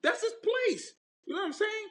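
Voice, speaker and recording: A man in a casual podcast debate, emphatic and animated, with a lot of "bro" and repeated points. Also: extremely high pitch, moderate pace. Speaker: podcast co-host.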